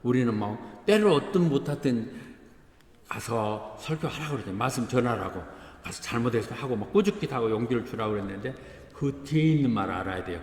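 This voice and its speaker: A man's voice: mid-range voice, lively intonation, a little fast, darkish tone. Male pastor, conversational sermon, acted dialogue, long church reverb. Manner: conversational preaching, breaks into acted dialogue, chuckles at congregation. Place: church sanctuary. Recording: echoey church hall, faint ambience.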